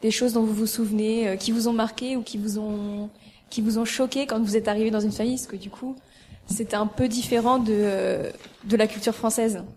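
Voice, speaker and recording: A woman's voice: on the high side, fairly even intonation, normal speed, darkish tone, a little hiss or hum. A woman interviewing classmates on live school radio, hesitant and full of fillers.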